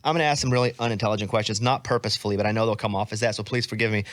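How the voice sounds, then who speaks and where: A man's voice: lowish voice, fairly even intonation, very fast, no room sound, clean studio sound. A man hosting a podcast, asking questions in a jokey, self-deprecating way. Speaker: podcast host. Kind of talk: casual interview chat.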